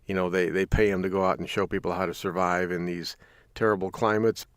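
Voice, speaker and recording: A man's voice: sits low, level tone, a little fast, fairly bright tone, clear, resonant tone, dry recording, clean studio sound. A middle-aged man from Michigan hosting a podcast, telling stories in a rambling, chuckling casual monologue. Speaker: podcast host.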